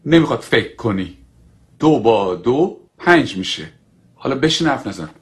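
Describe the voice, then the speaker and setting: A man's voice: mid-range voice, sing-song, a little hiss or hum, close to an everyday voice. An actor playing a harsh, authoritarian male schoolteacher who barks orders and scolds his pupils. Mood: commanding. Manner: commanding, scolding. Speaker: teacher.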